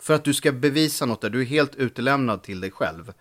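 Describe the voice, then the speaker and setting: A male comedian tells anecdotes in a casual podcast conversation. He talks in an animated way, often restarting his sentences. His voice sits at an ordinary pitch for a man. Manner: animated storytelling with frequent restarts. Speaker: comedian guest.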